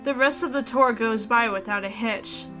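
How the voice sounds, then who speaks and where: Hosting a game playthrough, a woman reads a horror visual novel aloud at a moderate pace, expressively acting out the narrator's thoughts and dropping in casual asides of her own. Her voice is a little high, with background music playing under it.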